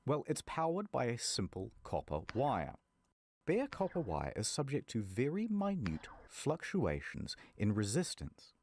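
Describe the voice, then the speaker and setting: A man's voice: mid-range voice, huge pitch swings, measured pace, darkish tone. A man narrating a scripted documentary story in a wry storytelling manner.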